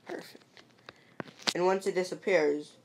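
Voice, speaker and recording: A woman's voice: lowish voice, fairly even intonation, unhurried. A woman giving patient, step-by-step game-building instructions. She keeps checking in with "see?" and "perfect". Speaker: game tutorial maker. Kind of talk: step-by-step game tutorial voice-over. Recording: noisy home recording with clicks.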